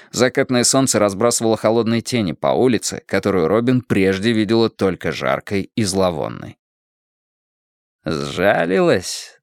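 A man narrating an audiobook in an expressive reading voice. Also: on the low side, dry recording, studio quality.

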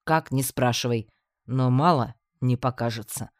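A reader voicing a stern, prim male mage in an audiobook, measured and lofty. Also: medium pitch, no room sound, studio quality, lightly acted.

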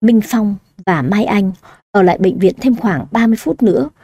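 A woman narrating a story audiobook-style with a steady, even reading. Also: mid-range voice, moderate pace, dry recording, clean studio sound.

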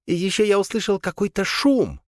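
A man voicing a squeaky, timid young monster son who is shorter than his brother. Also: very animated, brisk, dry recording, clean studio sound. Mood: eager.

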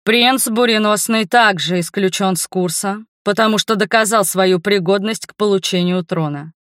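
A woman's voice: medium pitch, fairly bright tone, no room sound, studio quality, close to an everyday voice. A woman reading as a formal male academy rector. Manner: measured, official. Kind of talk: audiobook narration.

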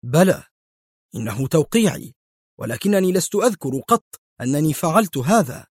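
A man voicing an angry male hospital doctor who shouts in sharp, indignant outbursts. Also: fairly high pitch, sing-song, moderate pace, breathy edge, no echo, clean studio sound, voice pushed up. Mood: bewildered.

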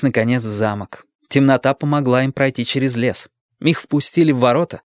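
A man narrating an audiobook in a steady, even storytelling manner, close to the microphone. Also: medium pitch, dry recording. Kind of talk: scripted narration.

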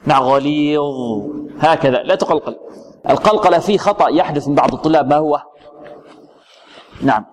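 A man runs a tajweed lesson, firing questions at his students and supplying the answers himself. He talks in stops and restarts. His voice sits a little high and rings out in a hall with long reverb. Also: fairly quick, pauses often. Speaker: Quran recitation teacher.

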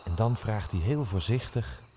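A man narrating a children's musical stage play in a calm storytelling way. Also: lowish voice, moderate pace, noisy background.

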